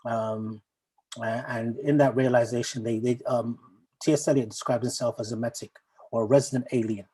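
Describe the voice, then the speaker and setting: Thoughtful, husky-voiced Ugandan-born man. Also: mid-range voice, fairly even intonation, normal speed, dark tone, low-quality recording. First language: Luganda. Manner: thoughtful, asks the audience questions, many ums and restarts. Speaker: poet, guest speaker. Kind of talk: reflective talk to an online assembly.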